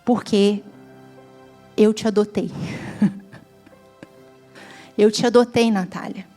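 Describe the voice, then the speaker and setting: A woman's voice: mid-range voice, steady tone, slow pace, warm tone, faint music behind. A woman from Brazil with a Brazilian Portuguese accent, giving a heartfelt testimony sermon at a church gathering that rises to fervent emphasis. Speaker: guest preacher.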